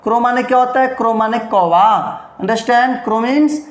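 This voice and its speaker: In an echoey room, a man with a very high-pitched voice teaches a basic English lesson at a moderate pace. He explains word sounds and meanings, drilling words by constantly asking and answering questions, and encourages his students with promises and blessings.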